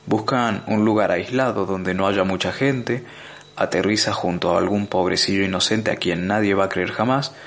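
A man reads a cheerful alien hitchhiker in a storybook, smug and unbothered. The voice sits low with a gravelly edge. He treats disaster as a trifle, amused and offhand.

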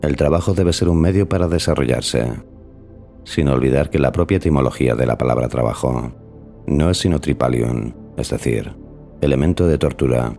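A man hosting a podcast in measured, formal, scripted narration. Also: extremely low pitch, vocal fry, dark tone, faint music behind. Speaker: podcast host.

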